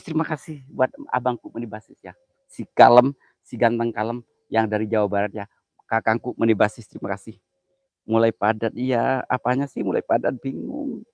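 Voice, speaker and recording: A man's voice: medium pitch, gravelly, no room sound. A man streaming live, chatting casually, thanking viewers by name, joking about being scared and crooning his words. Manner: jokey, easily spooked, drawls and croons phrases. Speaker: live-streaming content creator.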